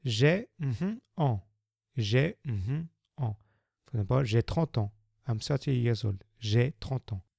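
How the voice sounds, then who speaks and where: Male phrase-drill teacher, deliberate, very slow, medium pitch. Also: expressive, creaky, mellow, slightly rough, no room sound, studio quality. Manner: slow, deliberate, careful pronunciation. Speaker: language teacher.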